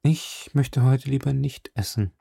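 A man's voice: mid-range voice, unhurried, gravelly, mellow, husky, dry recording, clean studio sound, pitched above the performer's own voice, exaggerated voice. A man voicing a withdrawn, pale male clerk who refuses politely in a subdued voice in a story reading.

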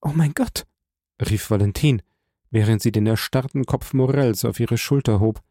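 A man reading a classic novel aloud in an even storytelling manner. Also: on the low side, moderate pace, dry recording, studio quality. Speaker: audiobook reader.

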